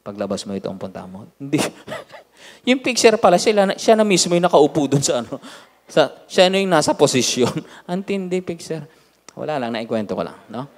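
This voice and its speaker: A man with a Filipino accent preaching a lively sermon as pastor, swinging from loud to hushed with joking asides. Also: fairly high pitch, normal speed. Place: church hall. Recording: long hall reverb.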